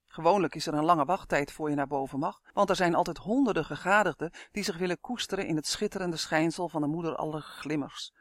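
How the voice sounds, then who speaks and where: A man voicing a brusque, loud male dwarf traffic controller in an audiobook. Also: fairly high pitch, quick pace, few pauses, no room sound, studio quality, close to an everyday voice. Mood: exclaiming. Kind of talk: audiobook character voice.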